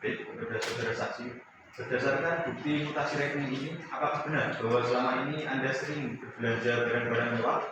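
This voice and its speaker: A man playing a brisk defense lawyer. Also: mid-range voice, fairly even intonation, natural voice. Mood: formal. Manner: formal, polite questioning. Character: polite young male defense lawyer. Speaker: defense lawyer in a student mock trial. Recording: echoey room, distant mic, noisy.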